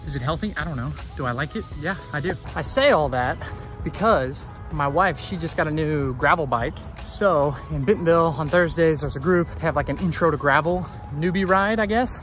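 Bright-voiced man vlogging while running. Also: a little high, brisk, soft background music. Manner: talking while running outdoors. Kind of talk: casual vlog talk while running. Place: outdoors on a running trail.

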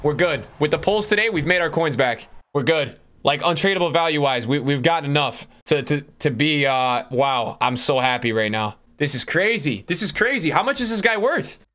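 A young man with a fairly high-pitched voice talks to his livestream chat. He sounds like a frat bro, casual and slangy, addressing everyone as bro, dude or man while he plays. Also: animated, normal speed, few pauses, a bit bright. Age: young adult. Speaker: game streamer. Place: small room indoors.

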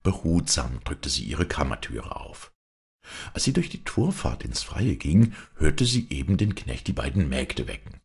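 A man reading a German fairy tale aloud as a storyteller, in an expressive narrating voice. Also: a bass voice, measured pace, vocal fry, husky.

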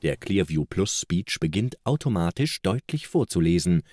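Male product video narrator: deep, animated scripted promotional read, close and dry. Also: moderate pace, no echo. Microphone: close studio voice-over microphone.

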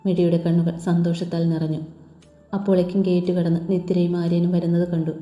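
A woman narrating a story from a script in a calm, even manner. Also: fairly low pitch, fairly quick. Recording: echoey lo-fi room with faint music.

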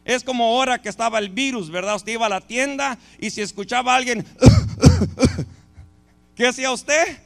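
High, gravelly-voiced preacher man. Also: lively intonation, moderate pace. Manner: preaching with rhetorical questions to the congregation. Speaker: pastor. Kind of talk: sermon.

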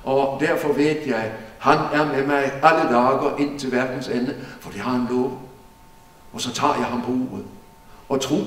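A man preaching an earnest, emphatic Bible-teaching sermon in a church hall. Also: medium pitch. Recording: echoey church hall from far off.

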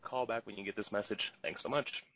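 A man's voice: lowish voice, fairly even intonation, fairly quick, a crowd in the background. A man leaving a short, polite voicemail message, heard as it is played back.

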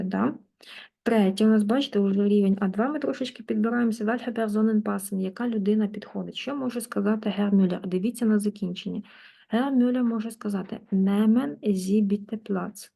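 A woman teaching German in a lesson, patiently working through exercises and repeating words slowly. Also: mid-range voice, creaky, mellow. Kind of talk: online language lesson, explaining in Ukrainian.

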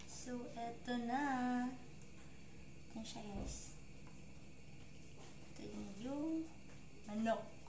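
Woman, Filipino accent, chatty vlogger, slow, echoey room, background noise. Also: on the high side, vocal fry. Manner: chatty, mixes English with Tagalog, many "so"s. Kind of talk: casual mukbang vlog chat.

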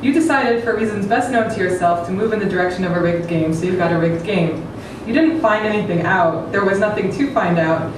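On the stage of a small event room before an audience, a woman in her thirties gives a dramatic reading of satirical fiction at a literary event. Her medium-pitched voice moves fairly quickly, caught by a distant table mic on a stand in a very echoey, noisy hall.

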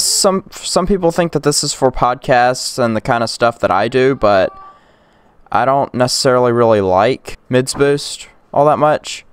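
Young man, smooth dry close-mic voice. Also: mid-range voice, no room sound. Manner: rambling, filler-heavy, drops to whispers and yells in demos. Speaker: tech tutorial creator. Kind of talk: casual screen-recorded tutorial. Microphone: close USB condenser mic.

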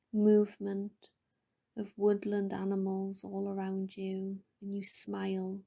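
A woman with a mid-range voice leads listeners in meditation, speaking gently and soothingly. Her voice is breathy and soft, at times almost a whisper, and long pauses hang between her phrases.

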